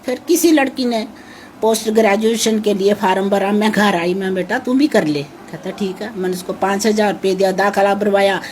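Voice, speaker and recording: A woman's voice: medium pitch, normal speed, darkish tone. Older woman, harsh-sounding voice, anxious, repeats herself, faint background noise. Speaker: mother of a missing man. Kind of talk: emotional interview.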